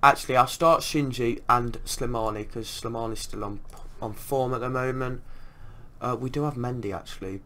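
A man's voice: mid-range voice, normal speed, sharp tone. A man giving casual commentary on a video game as he plays. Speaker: gaming video creator.

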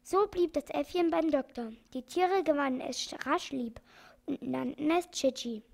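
A woman reading a children's storybook aloud as an audiobook, in a clear, even storytelling manner. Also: high voice, moderate pace. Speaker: audiobook reader.

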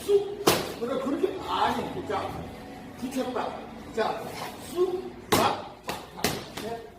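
A man's voice: extremely high pitch, sing-song, takes it slowly. A man coaching boxing pad work, calling out short commands and punch sounds. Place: large indoor boxing gym. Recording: echoey hall from far off, loud noise.

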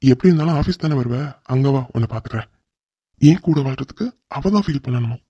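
A man's voice: mid-range voice, brisk, dark tone, slightly rough, no echo, lightly acted. A man voicing a hot-tempered, newly married young boss in a cartoon drama, snapping out his lines. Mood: angry. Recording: dull lo-fi recording.

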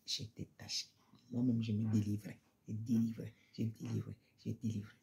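A woman's voice: extremely low pitch, little pitch movement, fairly quick, creaky, warm tone. A woman giving an emotional spoken testimony in church, repeating phrases and sometimes dropping to a near-whisper.

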